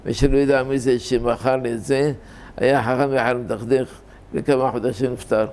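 An older man giving an informal scholarly talk on how scripture is read, explaining deliberately and repeating and correcting himself as he goes. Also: mid-range voice, little pitch movement, a little mellow. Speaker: religious teacher.

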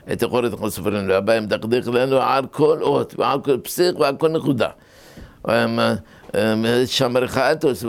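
A rabbi giving a Torah lesson. He explains things step by step, asks questions and answers them himself, tells anecdotes, and jumps up in pitch when he stresses a point. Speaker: rabbi teaching a class.

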